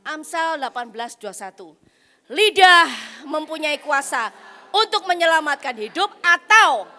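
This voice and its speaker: A woman evangelist preaching a lively sermon at a retreat, teasing and blunt, throwing rhetorical questions at the crowd and dropping English phrases. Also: high voice.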